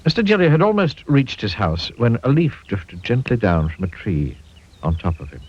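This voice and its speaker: A man reading a children's storybook aloud in an expressive, playful way. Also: mid-range voice, moderate pace, slightly rough. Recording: dull lo-fi audio.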